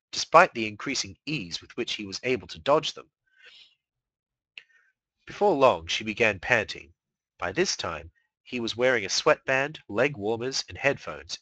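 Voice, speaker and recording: A man reading fan fiction aloud live in an expressive storytelling manner. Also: medium pitch, no echo, poor audio. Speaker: fanfiction reader.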